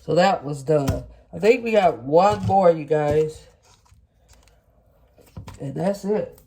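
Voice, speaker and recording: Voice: medium pitch, slow, gravelly, warm tone, a little hiss or hum. A plant vlogger with a stuffy, blocked-nose voice, casually explaining things step by step to viewers in a folksy way. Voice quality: stuffy, congested nasal voice. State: congested after sinus surgery. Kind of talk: casual hands-on demonstration to viewers. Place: home kitchen at the counter.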